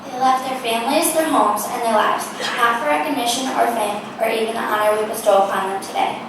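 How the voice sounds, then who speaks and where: A woman reading a formal ceremony script into a podium microphone, with measured announcing. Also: a little high. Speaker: ceremony reader. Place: large echoey school gym or hall. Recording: echoey, distant PA sound with background noise.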